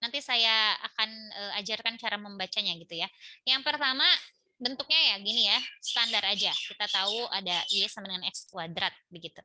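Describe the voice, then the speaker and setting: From her home in a village beside a busy road, a woman gives an online math lecture, chatty and explaining step by step, often tagging her lines with "gitu ya." Her mid-range voice is brisk, pushed and bright. Motorbike traffic runs in the background.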